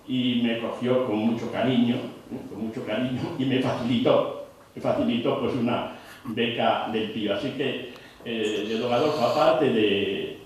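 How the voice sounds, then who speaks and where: A man's voice: fairly low pitch, a little hiss or hum. A man in the audience, recalling personal memories in a reflective, hesitant way. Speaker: audience member. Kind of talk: personal reminiscence. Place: cultural centre hall. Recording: very echoey hall, distant mic.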